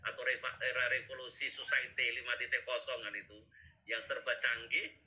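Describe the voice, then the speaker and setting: A man's voice: medium pitch, little pitch movement, brisk, pushed and bright, low-quality recording. A man, lecturing a teachers' workshop over a video call in a rambling way, tagging his sentences with questioning asides. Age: 50s. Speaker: workshop instructor.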